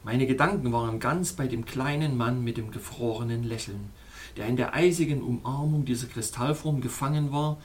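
Measured male storybook narrator. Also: medium pitch. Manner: measured, expressive first-person reading. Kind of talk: scripted audiobook narration.

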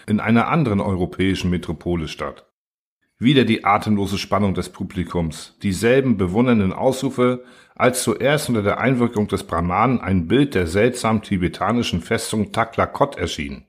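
A man with a low, husky voice reads a literary story aloud. His delivery is measured and even, in the manner of an audiobook narrator. The husky grain stays through every line.

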